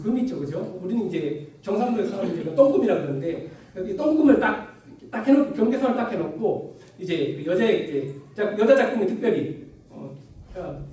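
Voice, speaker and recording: A high-pitched lay preacher from Yeongju in North Gyeongsang, Korea, delivers a sermon full of humorous anecdotes. He is animated and keeps asking the congregation to agree with him. The recording comes from an echoey church hall with a distant mic.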